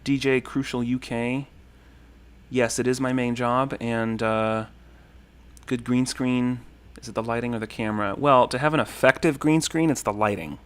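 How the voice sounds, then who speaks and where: A man in his thirties hosts a casual livestream, reading comments in a friendly, rambling way full of ums and thank-yous. His mid-range voice keeps a steady tone at a moderate pace and sounds clean.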